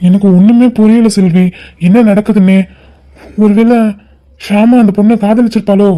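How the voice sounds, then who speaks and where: A gentle, reassuring cartoon father, worried but steady, voiced by a woman. The voice sits at a middle height for her. A steady hiss runs under the home recording. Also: mid-range voice, moderate pace, close to an everyday voice. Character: worried middle-aged father, calm and soothing. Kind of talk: cartoon voice acting.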